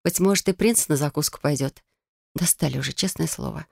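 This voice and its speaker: A woman reads a first-person fantasy romance aloud, with a dry, sarcastic bite in her delivery. Her mid-pitched voice carries a gravelly texture. The recording is close and dry, with no room sound. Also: fairly quick, a little mellow, no echo. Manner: sardonic and sarcastic. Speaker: audiobook narrator.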